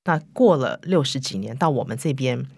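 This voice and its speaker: A middle-aged woman speaks in a low register as an interview guest in a dry studio. Her Mandarin has a foreign-influenced, unpolished feel, and she often drops English words and short English tags into her sentences. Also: lively intonation, moderate pace, gravelly, darkish tone, breathy edge, no echo. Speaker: interview guest, company chief executive. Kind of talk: conversational interview answers. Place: recording studio.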